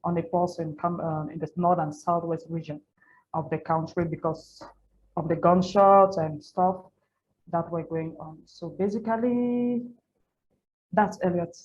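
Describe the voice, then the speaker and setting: In a muffled, lo-fi recording with background noise, a low-voiced Cameroonian woman in her thirties shares her personal story in an interview. An NGO founder and women's activist, she speaks unhurriedly with fairly even intonation and a darkish tone.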